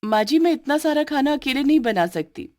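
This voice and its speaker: A woman's voice: high-pitched, animated, a little fast, no room sound, clean studio sound, pitched above the performer's own voice. Woman voicing a mistreated young wife. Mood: defiant. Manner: pleading, defiant. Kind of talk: cartoon voice acting.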